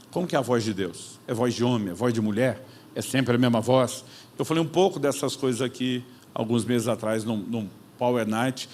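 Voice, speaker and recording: A man preaching, an animated storyteller who acts out conversations in his own voice. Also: medium pitch, creaky, a little hiss or hum. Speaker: pastor. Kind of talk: sermon storytelling.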